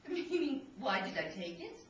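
A woman's voice: high voice, wildly swooping pitch, normal speed, dull audio. A woman playing a vain, needy actress who speaks dramatically, recorded live on a theater stage. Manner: dramatic, wheedling. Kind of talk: live stage comedy acting. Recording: very echoey noisy stage from far off.

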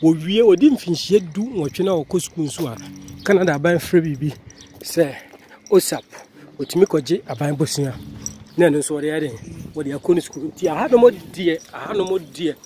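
A man with a Ghanaian accent and Twi as his first language vlogs while walking around a housing complex, holding his phone and joking casually with viewers. His voice is a little high and mellow at a normal speed, and the outdoor phone recording is noisy.

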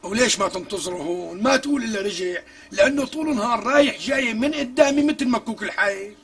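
A gravelly, nosy Syrian shopkeeper. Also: male voice, very high voice, quick pace. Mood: chatty. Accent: Syrian Arabic. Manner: gossipy, courteous. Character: chatty, nosy neighborhood shopkeeper. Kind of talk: TV comedy acting.

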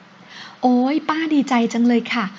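A woman voicing a cheerful older head housemaid who chats warmly and teases, on a dull recording with faint hiss. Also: a little high, measured pace, lightly acted. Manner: warm, chatty, teasing.

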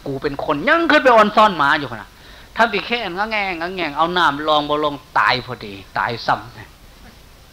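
A man with an Isan Thai accent preaching in a bright, forceful voice. He tells a folk tale in a lively, folksy way and drops his voice low when he quotes someone. A faint hiss runs under the recording. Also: normal speed. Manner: storytelling in lively folksy speech, softening for quoted lines. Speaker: monk preacher. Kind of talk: sermon storytelling.

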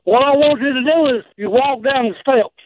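A woman's voice: high voice, moderate pace. A woman answering a prank call over the phone, talking bluntly and repeating herself. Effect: heard over a phone line. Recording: tinny phone line.

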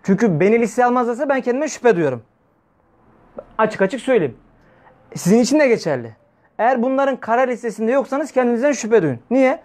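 A man delivers a weekly religious talk in a high, tenor voice. He preaches in a fiery, scolding way and keeps throwing rhetorical questions at the listeners. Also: a little mellow.

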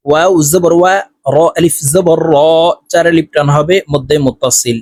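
A man teaching Quran reading, spelling out each letter and vowel, then reciting the words in a slow drawn-out chant between brisk explanations. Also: a little high, a little mellow, dry recording.

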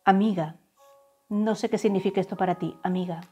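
Soft-spoken woman reading tarot, warm and breathy. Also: mid-range voice, steady tone, lo-fi sound. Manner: slow, soft, drawn-out channeled phrases. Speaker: tarot reader. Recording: faint background music.

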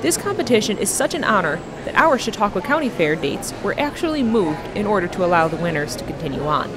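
A woman's voice: medium pitch, very animated, quick pace, crowd noise. A woman reporter reading a scripted news voice-over in an upbeat way.

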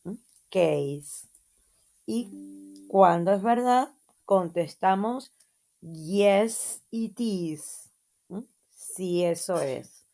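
A woman with an Argentine Spanish accent, teaching and reviewing English words for children patiently, checking in with soft "mm?" prompts. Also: mid-range voice. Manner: slow, patient, repeats words and adds checking "¿mm?". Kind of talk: slow lesson review for children.

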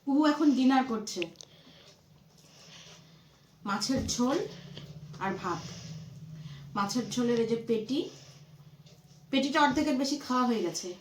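Woman, casual home vlog, phone camera, soft hushed talk, indoors. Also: a little high, lively intonation, unhurried, pauses often, a little hiss or hum. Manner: chatty, drops to a hushed near-whisper at night. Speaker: vlogger.

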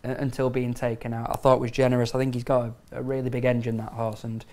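A man's voice: mid-range voice, flat delivery, a little mellow. A man tipping bets as a racing pundit, emphatic and tripping over words now and then. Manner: emphatic, with quick stumbles. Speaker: racing pundit, betting tipster. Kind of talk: analytical chat.

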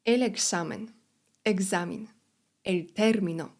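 Slow, deliberate woman teaching vocabulary. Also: mid-range voice, darkish tone. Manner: slow, deliberate word-by-word pronunciation drills. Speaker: Spanish teacher. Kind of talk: vocabulary lesson.

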